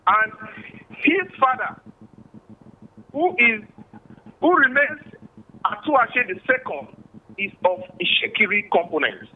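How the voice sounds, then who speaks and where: A man's voice: high-pitched, sing-song, husky. A man with a Nigerian accent, a traditional chief, speaking formally in a remote interview over a bad, tinny connection. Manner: formal, measured, explanatory. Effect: bad remote connection, tinny phone-like line. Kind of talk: remote interview, historical explanation. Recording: tinny phone-like call line.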